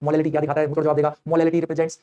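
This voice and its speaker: Fast-talking, coaxing chemistry teacher man. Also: a little high, dull audio. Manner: energetic, coaxing, voices students' replies himself. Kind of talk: online lecture.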